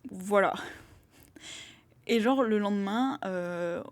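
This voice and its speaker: A woman's voice: mid-range voice, takes it slowly, no room sound. A young woman musing aloud in a casual, rambling monologue, full of fillers and acted-out quotes of other people. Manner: rambling, filler-heavy, acts out quoted voices.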